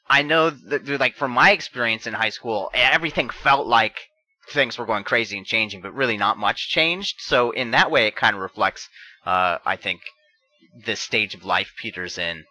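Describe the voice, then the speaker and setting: Podcast co-host, a man with a strikingly bright, tense tone, eager and hedging. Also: mid-range voice, poor audio. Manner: enthusiastic, hedging. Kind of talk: casual chat.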